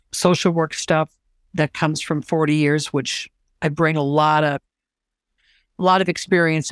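A woman in her sixties, a social worker and counselor, talking as an interview guest in an enthusiastic, expressive way. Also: low voice, clean tone, dry recording, studio quality. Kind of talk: casual conversation.

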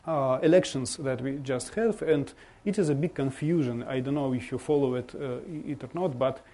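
Halting Russian-accented man, mellow voice. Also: medium pitch. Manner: halting, searching for words in non-native English. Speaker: bishop giving a guest presentation. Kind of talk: informal slideshow talk to an audience.

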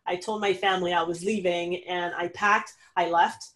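A woman's voice: on the low side, steady tone, normal speed, fairly bright tone. Woman chatting as a guest. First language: French. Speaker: interview guest, podcast host. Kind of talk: conversational personal anecdote and advice.

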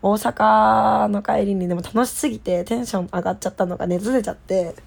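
Idol girl doing a solo radio chat, lots of vocal fry, bit stuffy nose, playful. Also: mid-range voice, fairly even intonation, brisk, darkish tone. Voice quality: nasal from a cold. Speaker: idol group member hosting her solo talk show. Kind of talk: casual solo chat to listeners.

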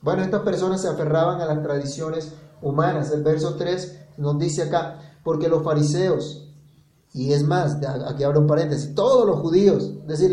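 A man's voice: on the high side, warm tone, roomy sound, rough recording. A man preaching a sermon, reading verses aloud and putting questions to his listeners.

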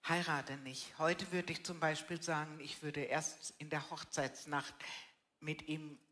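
A woman's voice: deep voice, flat delivery, a little slow, a bit bright, slight background noise. An older woman with a blunt, colloquial manner, telling her life story in a casual interview and often tagging her sentences with "ne". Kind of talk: personal testimony in a casual interview. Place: live church event with audience.

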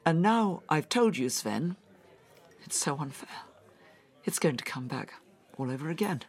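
An actress voicing a traumatized woman recounting a brutal attack, halting and often dropping into whispers, in an audio drama. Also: sits low, expressive, husky, full character voice. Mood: distressed.

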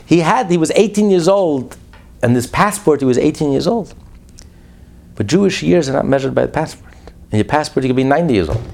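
A man preaching a sermon as a rabbi, emphatic, swinging between loud declarations and hushed asides. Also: on the high side, animated, a little fast, vocal fry.

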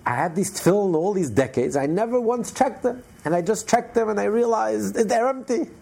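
A man voicing a remorseful man who wails over his lifelong failing, his voice pushed high into a keening lament. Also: animated, moderate pace, gravelly, warm tone, slightly rough, full character voice. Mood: wailing lament.

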